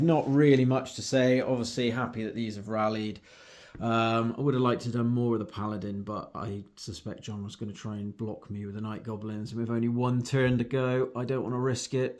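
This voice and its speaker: A man's voice: medium pitch, fairly even intonation, normal speed, darkish tone. Wry man recapping wargame turns. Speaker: wargamer narrating his army's turns. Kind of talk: casual tabletop battle report.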